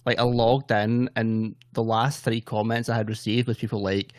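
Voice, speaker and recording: Scottish bloke, casual and self-deprecating, really dry room sound. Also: male voice, on the low side, level tone, normal speed, dry recording. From Scotland. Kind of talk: casual chat.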